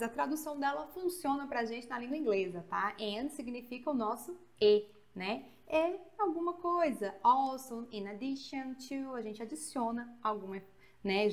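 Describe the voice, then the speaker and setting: A woman from Goiás in Brazil with a Brazilian accent, teaching a chatty, animated English grammar lesson that mixes Portuguese and English and leans on frequent tag questions. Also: on the high side.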